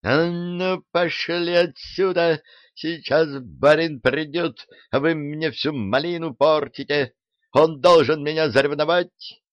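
A man's voice: mid-range voice, unhurried, dry recording, pitched above the performer's own voice, natural voice. A man voicing a feisty, short, hot-tempered young peasant maid who squeals and scolds. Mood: angry. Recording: dull, dry audiobook recording.

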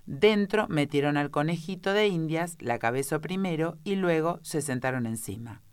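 Argentine woman, audiobook narrator: very low, dry and measured. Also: lively intonation, a little mellow, clean tone, dry recording. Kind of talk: scripted storybook narration.

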